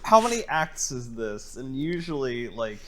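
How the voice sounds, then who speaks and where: A man's voice: medium pitch, sing-song, a little slow, poor audio. A man on a casual podcast who tosses in dry, joking asides. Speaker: podcast co-host. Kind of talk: casual movie-recap chat.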